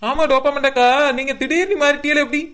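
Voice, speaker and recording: A woman voicing a sharp-tongued, sarcastic young village woman in a cartoon, with a Kanyakumari Tamil accent. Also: sits high. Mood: mock-touched. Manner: mocking, quick retorts. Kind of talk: cartoon voice acting.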